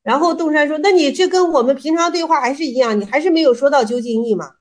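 A woman with a slightly high voice leads a relaxed teaching session, explaining old stories line by line. She talks conversationally, repeats phrases as she thinks, and lifts her voice when acting out the quoted exchanges. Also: fast. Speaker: Chan Buddhist study group teacher. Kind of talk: casual teaching talk explaining koans.

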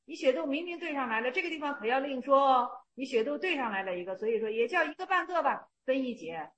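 A woman's voice: sits high, expressive, fast, a bit bright. A woman teaching classic Buddhist texts as a lecture commentary, repeating her phrases and pressing the listener with rhetorical questions. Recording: roomy, dull lo-fi recording.

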